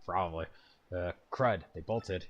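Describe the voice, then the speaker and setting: A man's voice: sits low, unhurried, dull audio, slight background noise. A man hosting a casual let's play, reading the game's text aloud and joking about it. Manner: reads game dialogue aloud, laughs and jokes. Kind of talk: casual gameplay commentary.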